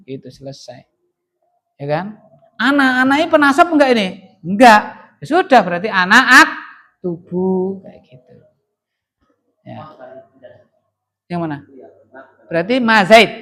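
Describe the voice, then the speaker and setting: A man's voice: high-pitched, fairly bright tone. Javanese-accented teacher quizzing his class. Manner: quizzing students, patient and explanatory. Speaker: Arabic grammar teacher. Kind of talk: classroom lesson.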